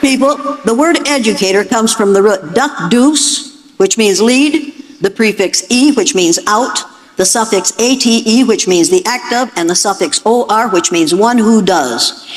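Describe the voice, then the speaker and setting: In a rough recording, an older American woman speaks at a medium pitch, animated yet a little slow. Lecturing with blunt emphasis, this educator and public speaker gives commands with the confidence of a veteran teacher who expects to be obeyed.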